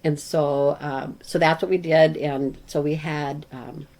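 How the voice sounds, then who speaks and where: An older woman with a somewhat low voice, telling her career story in a relaxed interview. She talks chattily, often restarts her sentences and acts out what people said to her. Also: rough recording. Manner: chatty, halting restarts, acts out quoted speech. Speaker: guest, retired nursing educator.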